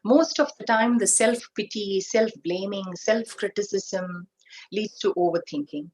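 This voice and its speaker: A woman with an Indian English accent giving a spiritual talk, explaining slowly with everyday examples and asking the audience questions. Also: mid-range voice, a little mellow, slight background noise, rough recording. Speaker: spiritual teacher.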